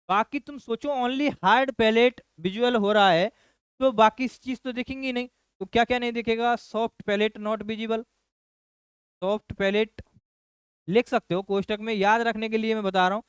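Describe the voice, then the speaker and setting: Nursing coach guy lecturing, keeps repeating stuff, asks "right?" a lot, pretty high voice, dry sound. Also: fairly even intonation, normal speed, smooth, dry recording. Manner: repeats key phrases and asks the class rhetorical questions; addresses students as children. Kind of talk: classroom lecture.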